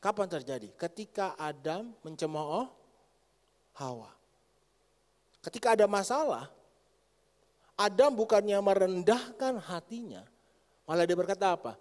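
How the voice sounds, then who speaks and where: A middle-aged man preaching a lively sermon to a congregation as pastor, speaking to them directly. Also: high-pitched, measured pace, long pauses. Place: church hall. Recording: long church hall reverb.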